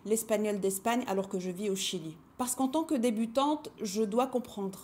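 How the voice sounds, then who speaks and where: A woman hosting a language-learning video, talking to the camera in a measured, reflective way and posing rhetorical questions to her viewers. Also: mid-range voice, darkish tone. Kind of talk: reflective scripted talk to camera.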